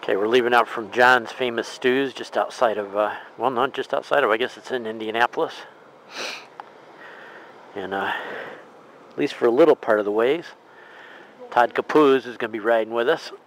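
A man's voice: medium pitch, normal speed, pauses often, a bit bright. A Midwestern American man talks casually into his helmet camera while riding through city streets. He drifts into chatty asides. Road and engine noise sits under his voice the whole time. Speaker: motorcycle vlogger. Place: outdoors on a motorcycle in city traffic.

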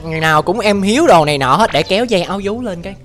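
A man's voice: sits high, lively intonation, racing, a bit bright, soft background music. A man chatting on a livestream as he reads out viewer comments, ranting in a brash, crude, mock-exasperated way. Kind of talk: casual livestream chat.

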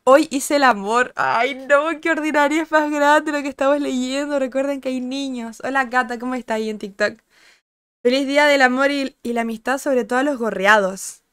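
A young woman with a Chilean accent, chatting loosely with her live chat in crude slang. Her voice sits fairly high and comes through smooth, on a close, dry mic. Today it carries a slight huskiness. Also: fairly even intonation, fairly quick, a bit bright, no room sound. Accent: Chilean Spanish. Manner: chatty, crude slang, reads out and greets viewers. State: slightly husky voice from little streaming. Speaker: streamer. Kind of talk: casual chat with live chat viewers.

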